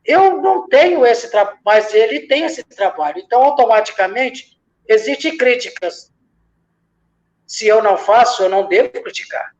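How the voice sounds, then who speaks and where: A lay missionary from Minas Gerais, Brazil, reflects during a church discussion, building points from repeated parallel examples with many hesitations. His voice is extremely high-pitched with lively intonation at a moderate pace, in dull lo-fi sound.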